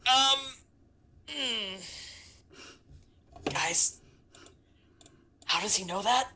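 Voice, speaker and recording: A woman's voice: mid-range voice, lively intonation, drawn-out words, pushed and bright. A woman playing a tabletop game, hesitant and flustered when she speaks up. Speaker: player.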